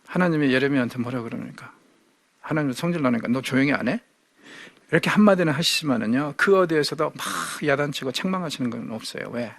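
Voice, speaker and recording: Gravelly, higher-pitched man teaching the Bible. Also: expressive, fast, dry recording. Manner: asks the audience rhetorical questions; acts out quoted speech vividly. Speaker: Bible lecturer. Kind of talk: Bible lecture.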